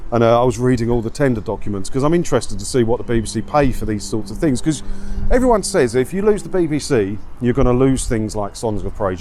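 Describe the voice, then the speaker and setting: Outdoors in a seaside town, amid street ambience and traffic noise, a man speaks with a medium-pitched, slightly mellow voice and a southeast English accent. As a vlogger he rambles casually and colloquially, repeats himself, and tacks questions onto his sentences.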